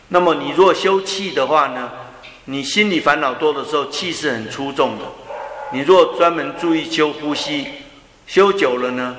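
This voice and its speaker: A man giving a slow, gentle dharma talk on breathing meditation, often trailing off with soft drawn-out particles. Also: medium pitch. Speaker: Buddhist teacher. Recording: echoey hall with long reverb.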